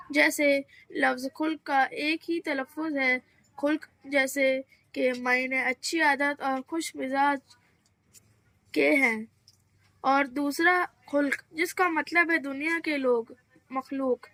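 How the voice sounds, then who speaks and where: A young woman talks students through a workbook, reading each answer aloud before explaining it. Her voice sits high and bright. The recording is close and dry, with no room sound around her. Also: dry recording. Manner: step-by-step, reads out answers then explains. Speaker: teacher. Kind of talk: screen-share lesson walkthrough.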